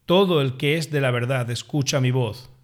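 A man voicing a calm, solemn male teacher in a liturgical reading, speaking slowly and steadily. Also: mid-range voice, close to an everyday voice.

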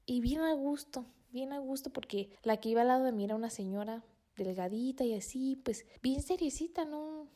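A young woman with a Mexican accent telling a casual anecdote, chatty and full of fillers and soft asides. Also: high voice, normal speed. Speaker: podcast storyteller.

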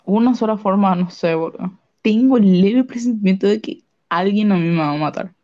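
A woman's voice: medium pitch, fairly quick, mellow, lo-fi sound. A young woman co-hosting a casual podcast chat, loose and slangy with fillers. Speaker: podcast co-host.

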